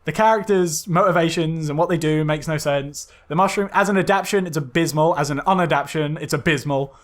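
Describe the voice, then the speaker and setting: A man co-hosts a podcast, bantering casually about films in a fairly high-pitched, brisk voice. He sounds hesitant and often repeats his phrases.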